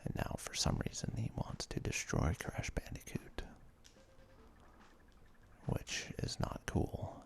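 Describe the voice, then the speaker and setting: The host of a gaming video whispers laid-back, halting commentary over the game in an ASMR style.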